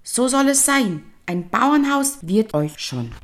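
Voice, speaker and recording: A woman voicing a kind magical golden fish who gently reassures an old man in a fairy-tale reading. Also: a little high, big pitch swings, slow pace, voice pushed up. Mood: soothing.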